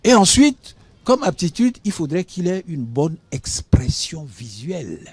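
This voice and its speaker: A man's voice: fairly high pitch, very animated, unhurried, husky, no echo. A man from Benin explaining speaking skills on a studio talk show, teaching patiently and spelling words out. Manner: didactic, spells out words, asks "hein?". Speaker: guest expert on public speaking. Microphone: studio mic.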